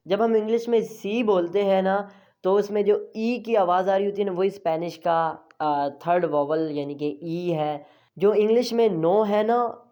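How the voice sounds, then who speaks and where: A man gives an online language lesson in a mellow, soft-edged voice. He goes patiently, drawing each sound out and saying it again and again. His phrases are broken up by small hesitation sounds. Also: fairly high pitch. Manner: patient, repeats each sound slowly several times. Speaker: language teacher.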